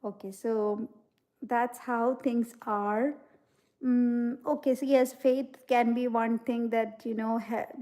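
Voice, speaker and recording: A woman's voice: fairly high pitch, dark tone. A woman from India, hosting a casual livestream. She speaks earnestly and reflectively, with many "you know" fillers, and reads out and answers viewer comments. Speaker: livestream host.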